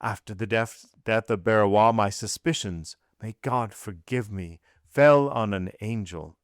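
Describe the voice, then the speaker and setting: A man's voice: fairly low pitch, measured pace, smooth, no echo, clean studio sound. A man reading aloud, voicing a stern magistrate who questions his wife in a blunt, commanding way. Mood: accusing. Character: cold, stern magistrate husband.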